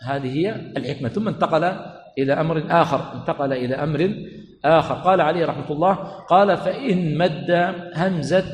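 A man teaching a religious lesson to students, quizzing them with repeated questions and stretching words slowly for emphasis. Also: fairly high pitch. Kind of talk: classroom lecture. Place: teaching center hall. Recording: echoey hall with long reverb, faint room noise.

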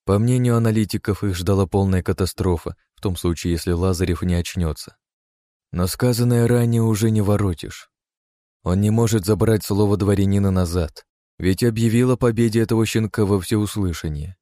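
A man narrating an audiobook with a steady, expressive reading, close to the mic. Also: on the low side, fairly quick, dry recording.

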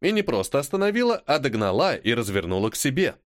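Lively sardonic male audiobook narrator. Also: mid-range voice, fast talker, dry recording, clean studio sound. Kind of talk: first-person audiobook narration.

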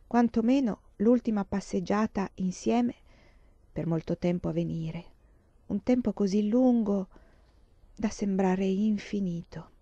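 A woman reading a novel aloud, with calm, measured narration. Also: fairly low pitch, no echo. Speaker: reader. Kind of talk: audiobook reading. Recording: dull lo-fi dry recording.

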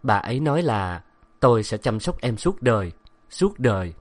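A man's voice: medium pitch, big pitch swings, normal speed. A man voicing a fragile, unstable middle-aged wife who mutters the same words over and over. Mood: dazed. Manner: repetitive, dazed muttering.

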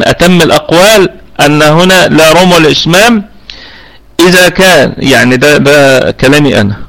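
Egyptian male tajweed teacher in an online class, higher-pitched, patient and checking in often. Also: fairly bright tone, low-quality recording. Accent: Egyptian Arabic. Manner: explains patiently, checks with students after each point; slows down to demonstrate recitation of words. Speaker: Quran recitation teacher. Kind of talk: live online tajweed lesson. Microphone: online voice chat room.

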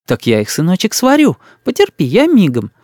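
A kindly old country woman, as a man puts her on, fussing in a lilting, folksy way. Her pitch is raised and moves a lot. The recording is dry and close. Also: huge pitch swings, a little fast, darkish tone, dry recording, full character voice. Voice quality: soothing, sing-song folksy speech.

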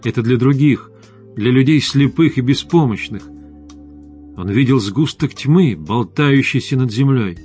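A man narrating an audiobook in a measured, even reading. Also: mid-range voice, faint music behind. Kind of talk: scripted narration.

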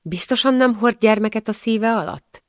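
A woman's voice: fairly high pitch, no echo, studio quality, pitched above the performer's own voice, natural voice. A woman reading the part of a blunt 18th-century male healer who questions his patients curtly. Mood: curt questioning. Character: brusque man, an 18th-century village healer.

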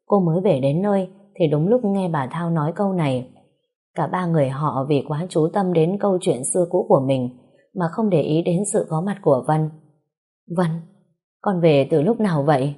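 A woman narrating a family drama story in a measured, emotive way. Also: low voice, dark tone, breathy edge.

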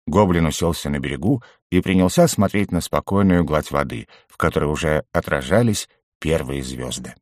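A man narrating a first-person fantasy audiobook with an expressive reading. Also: a bass voice, normal speed, few pauses, dry recording, clean studio sound.

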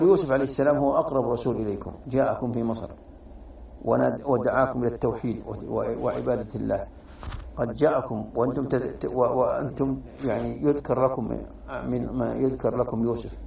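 A man teaching a religious text lesson, explaining slowly and often restarting his words. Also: mid-range voice, gravelly, a little hiss or hum. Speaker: Islamic scholar teaching tafsir. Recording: tinny, echoey, from far off.

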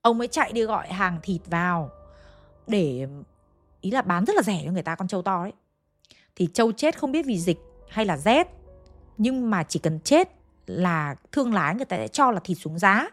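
A woman's voice: medium pitch, very animated, normal speed, soft background music. A young woman with a Hanoi accent narrating a ghost story in a chatty way, speaking straight to her listeners. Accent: Hanoi Vietnamese. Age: young adult. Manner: chatty, addresses listeners directly.

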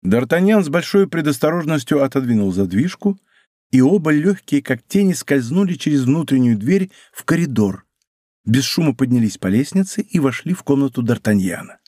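Guy reading an old adventure novel aloud, measured storyteller, dry studio sound. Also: mid-range voice, sing-song, dark tone, no echo. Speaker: audiobook narrator. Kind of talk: scripted audiobook narration.

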